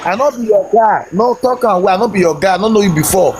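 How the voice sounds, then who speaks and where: A man's voice: high voice, expressive, fast, music in the background. A man hosting a live stream in Nigerian Pidgin, mocking and insulting his callers between thanks for gifts. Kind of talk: livestream banter.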